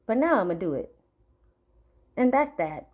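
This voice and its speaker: Young Marshallese woman, slightly high voice, profane, threatening vlog rant with quiet menacing dips. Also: very animated, slow. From Marshall Islands. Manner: drops to a low menacing murmur. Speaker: vlogger. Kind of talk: angry direct-to-camera rant.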